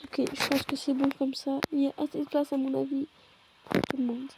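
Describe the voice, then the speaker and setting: A woman's voice: high-pitched, flat delivery, a little fast. A woman casually narrating a role-play as she plays a game, chatty and talking through each step aloud. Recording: noisy home background.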